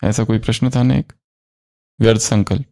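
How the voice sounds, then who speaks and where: A man's voice: lowish voice, fairly even intonation, moderate pace, vocal fry, dark tone. A man leading a spiritual study class, quizzing the group with questions and repeating their answers.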